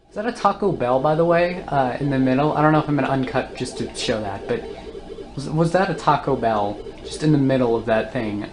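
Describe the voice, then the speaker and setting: Stumbling and stuttering with frequent restarts, a male gaming host rambles through unscripted, casual talk over gameplay. His voice is medium in pitch and darkish, and he thinks aloud with many fillers.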